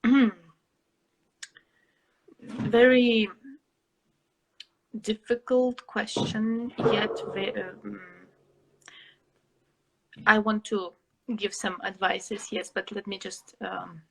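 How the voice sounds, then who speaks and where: A woman's voice: mid-range voice, fairly even intonation, gravelly, fairly bright tone, rough recording. Reflective young woman giving advice. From Russia. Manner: reflective, pauses to find words. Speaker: interview guest. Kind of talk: thoughtful interview answers.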